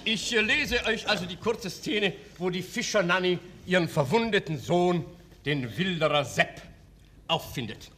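An actor playing a vain, pompous playwright, insistently persuading in a theatrical, declaiming way. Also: male voice, sits high, lively intonation, unhurried, pushed and bright, slight background noise, heavily acted. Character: vain, persuasive playwright reading out his play.

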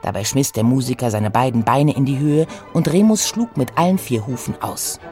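A woman narrates a children's radio play with lively, expressive delivery. Her voice sits low but swings widely in pitch. Soft music lies underneath. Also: moderate pace. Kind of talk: scripted storytelling narration.

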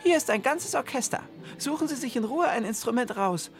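A man voicing an impatient male genie from a vase in a children's radio story, speaking in a curt, brisk, exasperated way. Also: very high voice, animated, faint music behind, voice pushed up.

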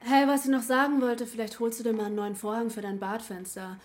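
A woman's voice: on the high side, little pitch movement, fast, lightly acted. Woman doing a creepy copycat double girl, teasing, radio play. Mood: mocking. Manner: teasing, echoing the other's words. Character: eerie female double mimicking a young woman. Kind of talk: radio drama acting.

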